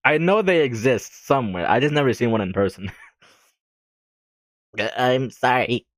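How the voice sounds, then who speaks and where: A young man at a desk mic narrates a visual novel line by line and keeps breaking off for chatty asides. He giggles often and teases himself. His voice sits at an ordinary middle pitch for a man. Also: expressive, normal speed, dry recording, clean studio sound. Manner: giggly, self-deprecating, rambling. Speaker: let's play gamer. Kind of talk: reading a visual novel aloud with commentary.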